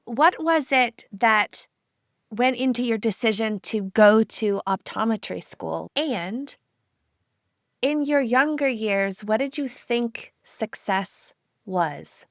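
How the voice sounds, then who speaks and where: A woman's voice: fairly high pitch, lively intonation, slow pace, fairly bright tone, no room sound, clean studio sound. A woman hosting a podcast, reading a polished guest introduction and then chatting with enthusiasm. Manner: enthusiastic, effusive. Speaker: podcast host. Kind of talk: scripted intro then casual interview.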